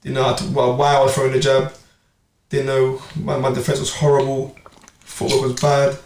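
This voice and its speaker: Young man, flat delivery, podcast guest heard off-mic in a roomy space with faint hiss. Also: mid-range voice, normal speed, distant mic. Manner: animated storytelling with street slang. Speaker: amateur boxer and club player. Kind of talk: casual podcast chat.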